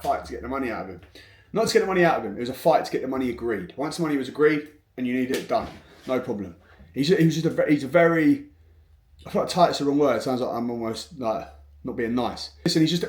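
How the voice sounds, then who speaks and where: A man's voice: mid-range voice, darkish tone, roomy sound. A man who runs a construction business, telling a frank, rambling story to camera with many restarts.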